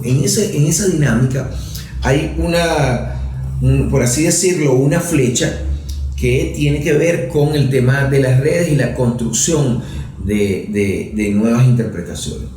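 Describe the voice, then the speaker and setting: Interviewed as a guest, a lawmaker with a Venezuelan accent speaks a little slowly in a medium-pitched, slightly mellow voice. His style is professorial and analytical, leaning on everyday examples, in a very echoey room.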